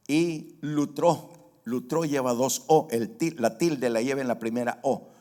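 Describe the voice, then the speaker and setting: Salvadoran pastor preaching in a reverberant church. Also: male voice, medium pitch. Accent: Salvadoran Spanish. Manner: storytelling, acts out quoted voices, explains word by word. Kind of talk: sermon. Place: church sanctuary. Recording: long hall reverb.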